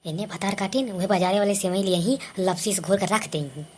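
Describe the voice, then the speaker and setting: A woman's voice: medium pitch, brisk. A woman with an Awadhi accent voicing a bossy elder sister-in-law who scolds and complains in a cartoon comedy, with faint noise behind. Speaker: comedy voice artist. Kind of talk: scripted cartoon comedy dialogue.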